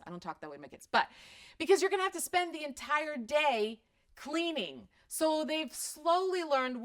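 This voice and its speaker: On a live stream, a middle-aged woman from Croatia answers viewer questions and chats casually about parenting, candid and self-deprecating. She has a slight Croatian accent and a fairly high-pitched, fairly bright voice.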